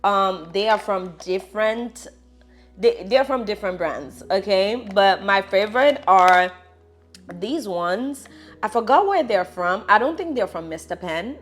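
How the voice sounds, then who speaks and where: A woman's voice: medium pitch, a little slow, faint music behind. A young woman with a Nigerian accent, chatting casually and encouragingly as she walks through her Bible study tips. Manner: chatty, encouraging, lively asides. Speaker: vlogger.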